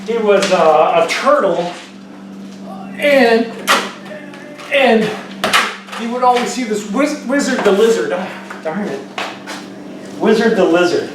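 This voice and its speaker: Demonstrating taping in a garage that's under repair, this drywall finisher and show host jokes and rambles like a storyteller. He speaks slowly in a high, animated voice with long pauses, captured noisily on a distant mic in an echoey garage.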